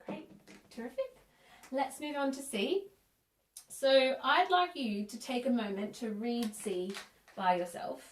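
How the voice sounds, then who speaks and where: A woman teaching a music lesson for young children, counting in and praising warmly. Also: a little high, unhurried, pauses often. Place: room at home. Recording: echoey room, a bit distant.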